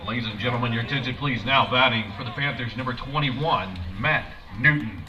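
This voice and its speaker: A man making formal batter announcements as a stadium announcer, heard over a PA loudspeaker at an outdoor ball field. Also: mid-range voice. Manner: measured, formal announcing cadence. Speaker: stadium public address announcer. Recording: distant, dull PA sound over a loud crowd.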